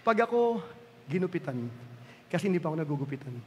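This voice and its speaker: A man voicing a careless, boastful strongman who speaks in a low, offhand way. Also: lively intonation, fast talker, darkish tone, in a large hall, highs cut off, slight background noise.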